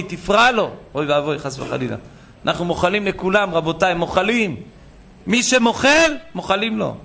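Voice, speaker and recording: A man's voice: on the high side, a bit bright, a little hiss or hum. A man preaching a sermon as a rabbi, telling a story with acted-out dialogue and building to emphatic calls.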